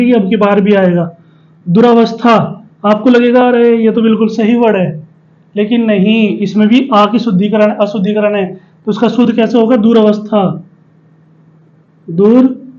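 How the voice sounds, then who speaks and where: High-voiced man teaching a spelling lesson. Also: fairly even intonation, moderate pace, warm tone, muffled recording. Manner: explains step by step, often asks and answers himself. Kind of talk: spoken Hindi spelling lesson at a board.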